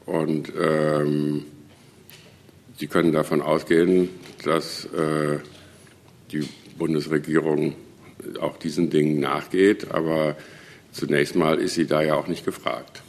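Man, very deep voice, monotone, slow, hesitant with fillers, official statement. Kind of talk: press statement.

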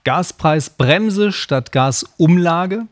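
A man presenting the news as anchor, with a measured, emphatic scripted delivery. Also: fairly high pitch.

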